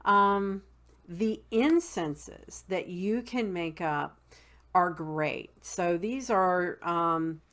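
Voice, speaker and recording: Slow Southern woman with many ums. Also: fairly low pitch, a bit bright. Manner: unhurried, many ums, spells words out. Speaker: host. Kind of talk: casual teaching talk.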